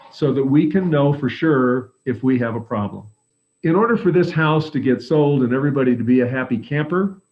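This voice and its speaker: A middle-aged man with a mid-range voice who gives advice earnestly and plainly, pausing often on "uh" and "um". The recording sounds a little muffled, as if the high end is rolled off. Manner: earnest and advising, many "uh" and "um" fillers. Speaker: real estate agent guest. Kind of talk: casual advisory discussion.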